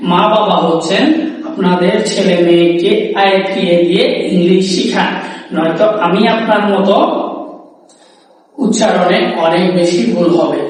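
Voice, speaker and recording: A young man with a high voice teaches pronunciation, drawing out single sounds one by one and slipping English words into his explanation. He sounds far from the mic in an echoey room with a long ring after each phrase. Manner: repeats single sounds slowly and stresses points; mixes Bengali and English. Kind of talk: video lesson.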